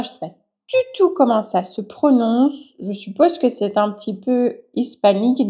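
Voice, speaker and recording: A woman's voice: a little high, vocal fry. Woman vlogger, casual and enthusiastic to camera, keeps stretching out her words for emphasis, a bit self-mocking. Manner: chatty, enthusiastic, self-deprecating. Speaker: plant vlogger. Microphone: reading from a notebook to camera.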